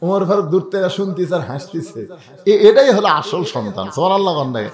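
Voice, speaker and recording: High-voiced dramatic male preacher. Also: very animated, fast. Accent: northern Bangladeshi (Bogra) dialect. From Bangladesh. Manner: dramatic, swings from hushed to shouting, acts out dialogue. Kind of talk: Bengali waz sermon storytelling.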